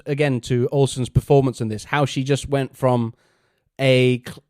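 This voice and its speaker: A man co-hosting a casual review podcast, animated and laughing as he acts out quotes. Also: medium pitch, dry recording, studio quality. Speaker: podcast host.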